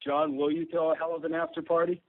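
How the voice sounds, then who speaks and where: A man's voice: fairly high pitch, level tone, quick pace, no room sound. A man working as a reporter, putting short follow-up questions on a telephone press call. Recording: tinny phone line, dry.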